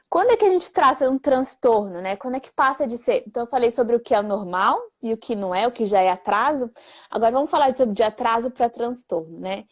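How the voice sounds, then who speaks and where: A woman, a speech therapist answering viewer questions in a lively, plain-spoken way full of rhetorical questions. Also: fairly high pitch. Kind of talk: live Q&A explainer. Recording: dull lo-fi livestream audio.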